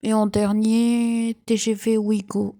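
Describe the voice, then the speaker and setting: A woman's voice: a little high, little pitch movement, slow pace, warm tone. A young woman with a sleepy morning voice, chatting casually and a little hesitantly in an FAQ vlog. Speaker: train enthusiast vlogger.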